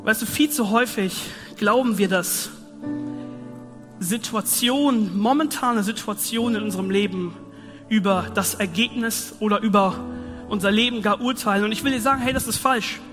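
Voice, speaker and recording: Guy preaching in a church hall, super high voice, casual slangy style, music going behind. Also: moderate pace. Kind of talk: sermon.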